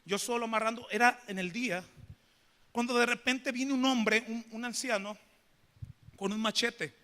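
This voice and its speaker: Brief: preacher, high and bright voice, echoing church hall. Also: male voice, normal speed. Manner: questions the congregation, animated preaching. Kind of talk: sermon with storytelling.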